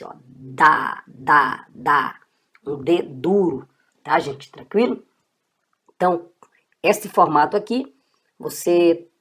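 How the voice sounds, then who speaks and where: Low, husky woman teaching Hebrew. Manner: patient, checks in with students often. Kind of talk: casual online language lesson.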